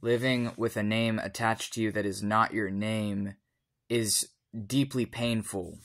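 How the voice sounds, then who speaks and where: A tipsy man giving a solemn personal monologue in deliberate, formal phrasing. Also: fairly low pitch, fairly even intonation, fairly bright tone. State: tipsy from alcohol.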